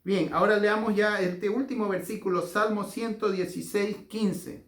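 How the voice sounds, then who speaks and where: High-voiced Bolivian pastor preaching fervently. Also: male voice, steady tone. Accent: Bolivian Spanish. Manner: fervent, slows into drawn-out emphatic phrases. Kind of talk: sermon with guided prayer. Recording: echoey room with faint music.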